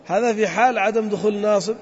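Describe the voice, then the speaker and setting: A man teaching a grammar lesson to a class. He drills the students with questions and drags out the example words slowly. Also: sits high. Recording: dull audio with long reverb.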